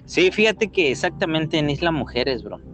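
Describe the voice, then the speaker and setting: A man's voice: on the high side, sing-song, normal speed, fairly bright tone, faint music behind. A man with a Mexican accent telling paranormal stories in a casual chat, acting out quotes and sound effects. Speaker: storyteller guest.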